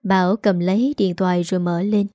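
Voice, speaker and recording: A woman's voice: on the low side, brisk, no echo, studio quality. A woman narrating a serialized story aloud, reading every character in the same voice. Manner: reads all characters in one even voice.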